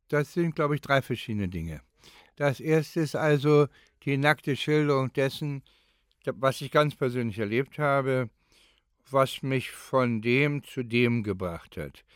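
A performer in a radio play recording session re-enacts spontaneous, reflective testimony, speaking slowly in a searching, pensive way. His medium-pitched, clean voice is halting and deliberate, with long drawn-out phrases. The studio sound is clean, with no echo.

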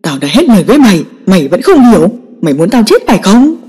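A woman voicing a furious, domineering old father who shouts harsh commands at his daughter. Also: mid-range voice, expressive, fast talker, slightly rough. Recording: long echoing reverb.

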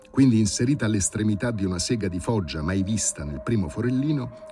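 A man with a very low voice reads a novel aloud, measured and vivid. His narration is steady and dramatic. Faint music sits quietly underneath. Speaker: audiobook reader. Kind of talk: dramatic literary reading.

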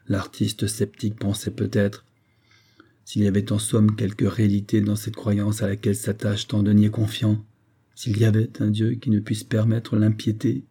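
A man reading a classic novel in a measured, even narration. His voice is very dark and mellow, with a husky edge. He keeps a fairly low pitch throughout. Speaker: audiobook narrator. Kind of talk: scripted narration.

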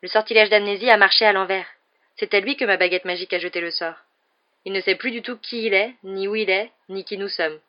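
A woman voicing an excitable teenage boy who speaks eagerly and loudly. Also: mid-range voice, brisk, muffled recording, close to an everyday voice. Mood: matter-of-fact. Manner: exclaiming, eager.

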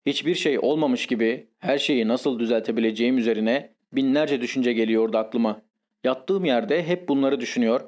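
A man reading a first-person literary confession as an audiobook, in a measured, grave and intense manner. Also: medium pitch, a little mellow. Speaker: audiobook narrator.

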